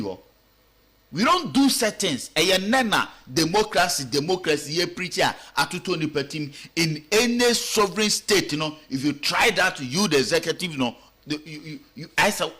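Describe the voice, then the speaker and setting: Animated Ghanaian man arguing politics. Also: fairly high pitch, husky. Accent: Ghanaian English with Twi. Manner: animated, rhetorical questions, mixing English and Twi. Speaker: political commentator. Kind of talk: radio talk show commentary.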